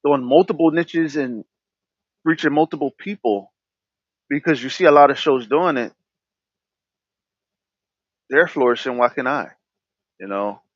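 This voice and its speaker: This man, a podcast host, talks openly about himself at a measured pace with long pauses, his pitch medium. A stutter makes him restart words often, and the recording is dull, lo-fi and dry, without echo.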